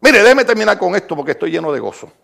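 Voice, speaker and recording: Middle-aged male pastor, impassioned sermon delivery, high pitch with a rough, gravelly edge. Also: big pitch swings, racing. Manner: impassioned preaching, swinging from shouts to quiet.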